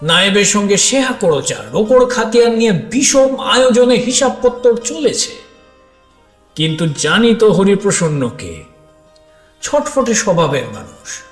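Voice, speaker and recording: A man with a high-pitched voice tells a story dramatically in the first person, unhurried and expressive, speaking straight to his listeners. The recording has a roomy echo with music underneath.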